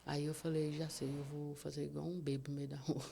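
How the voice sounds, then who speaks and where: A woman with a deep, creaky voice speaks briskly as a guest on a podcast, a cancer survivor telling her story emotionally. Her retelling is vivid and animated, full of acted-out dialogue and sound words.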